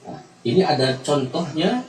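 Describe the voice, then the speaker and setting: A man with an Indonesian accent teaching Quran recitation rules, patiently repeating each example slowly. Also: fairly high pitch, expressive. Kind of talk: tajwid lesson with slow recited examples. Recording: echoey room, mic at a distance, faint music.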